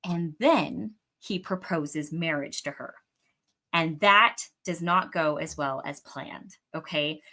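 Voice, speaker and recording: A young adult woman with a low voice and sharp tone hosts a book podcast, speaking slowly. She chats casually through a chapter recap, offering her own theories and the occasional swear word.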